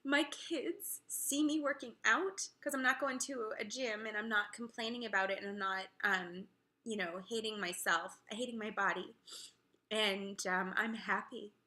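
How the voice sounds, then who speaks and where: A woman's voice: medium pitch, fairly even intonation, measured pace, pushed and bright. A woman fitness coach in her thirties talking to camera in a chatty, emotional way, sharing her own story with many fillers. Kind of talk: heartfelt personal talk to camera.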